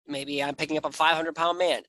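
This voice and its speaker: A man hosting a casual interview, talking in an animated, emphatic and conversational way. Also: on the high side, brisk. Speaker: interview host.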